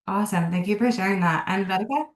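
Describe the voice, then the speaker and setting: A woman moderates a video-call panel. She sounds upbeat and brisk, with a mid-range voice. Her room is echoey. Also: medium pitch. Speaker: webinar moderator.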